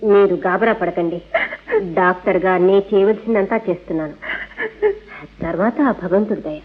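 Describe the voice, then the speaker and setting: Actress as composed doctor, tinny old radio drama. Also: female voice, mid-range voice, fairly even intonation, moderate pace, lightly acted. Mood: grave, calm. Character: composed doctor reassuring worried parents. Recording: tinny narrow-band old radio recording.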